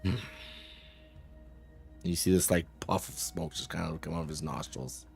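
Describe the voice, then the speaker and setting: A man improvising narration as the game master of a tabletop game, describing scenes in a halting way. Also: deep voice, vocal fry, darkish tone, faint music behind.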